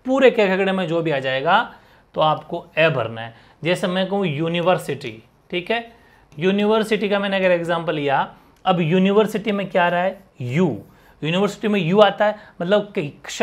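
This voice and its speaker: A young man leads an exam-prep grammar lesson in a fairly high voice. He keeps asking his students rhetorical questions and says each letter sound aloud, often more than once. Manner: explains with many rhetorical questions and repeated sounds. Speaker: teacher.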